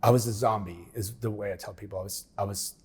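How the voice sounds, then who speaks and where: Frank, husky-voiced man in his forties. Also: lowish voice, steady tone, quick pace, darkish tone. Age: 40s. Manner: frank and plain-spoken, often acting out past exchanges. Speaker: interview guest, former military operator. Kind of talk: candid conversational storytelling.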